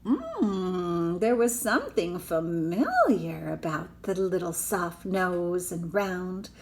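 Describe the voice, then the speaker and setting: An older woman's fairly low voice turns very animated as she slowly reads a storybook to children. She speaks like a grandmother to little ones, with dramatic emphasis, gasps, hushed asides and chatty interjections.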